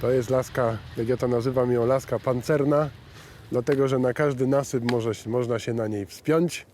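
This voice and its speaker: A man's voice: mid-range voice, steady tone, normal speed, darkish tone, a little hiss or hum. A man talks personally and reflectively about his hobby, in plain-spoken documentary style. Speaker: amateur railway photographer.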